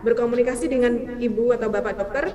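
A woman's voice: fairly high pitch, steady tone, fast, lo-fi sound. A woman from Indonesia, a physician guest, answering interview questions over a video call, hesitant with many fillers and English terms mixed in. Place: indoor room.

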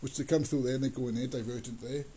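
A farmer vlogger talks rapid-fire in a mellow, medium-pitched voice with a steady tone. Rambling and plain-spoken, he walks his farmyard and cow shed, showing his work as he goes. His body-mounted action camera adds a little hiss or hum.

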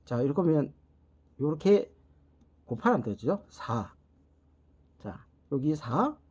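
A middle-aged man teaching binary and decimal conversion, patiently walking through each step and starting phrases with a drawn-out "so". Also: a little high, very animated, a little mellow, slightly rough. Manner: patient, repeats "자" and "요렇게" while working steps aloud. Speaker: network technology instructor. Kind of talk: whiteboard math lesson.

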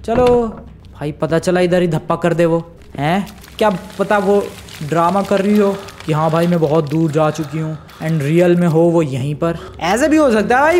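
A man giving lively, chatty commentary on his own gameplay, talking straight to his viewers. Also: high voice, slight background noise. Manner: excitable, chatty, talks to viewers as "bhai" and "guys". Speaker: gaming YouTuber.

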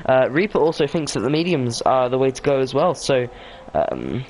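A man provides casual esports commentary on a sim race, sounding tired, yawning, and hesitant, with plenty of ums and self-corrections. His medium-pitched voice is a little mellow, with lively intonation and normal speed, and a slight hiss or hum sits under the audio.

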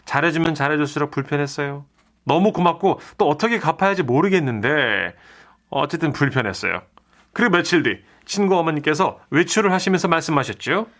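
A man's voice: on the high side, brisk. Man reading a listener's letter. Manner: storytelling narration, polite and even. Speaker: radio DJ.

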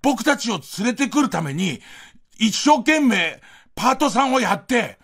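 A man's voice: extremely high pitch, sing-song, a little slow, a bit bright, pitched above the performer's own voice, full character voice. A man voicing a stern grade-school boy who scolds his little sister in a raised tone. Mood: scolding.

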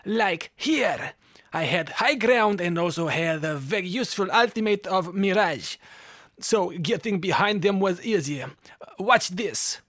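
With background music underneath, a Russian-accented gaming creator reads a scripted, jokey tutorial over gameplay, pretending to instruct. His voice sits high and is fairly bright, with lively intonation and a slightly slow pace, captured in clean studio sound without echo.

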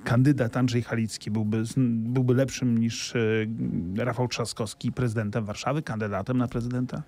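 A man's voice: mid-range voice, flat delivery, normal speed, a little mellow. A middle-aged man interviewing a guest in a radio studio, headphones on and close to a studio microphone, asking pressing, persistent questions. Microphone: studio microphone, wearing headphones.

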